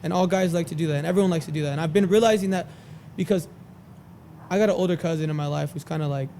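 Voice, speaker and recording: A man's voice: a little high, very fast, mellow, a little hiss or hum. A young man as a podcast guest, chatting casually and emphatically, with lots of bro and swearing. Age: young adult. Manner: emphatic bro-heavy talk with frequent swearing.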